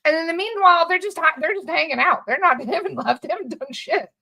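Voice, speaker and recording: A woman talks as a hypnotist and spirit release practitioner in a casual interview. Her voice sits high and sounds bright and forceful. She tells stories with animation, acts out quotes and swears offhandedly. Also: quick pace, vocal fry.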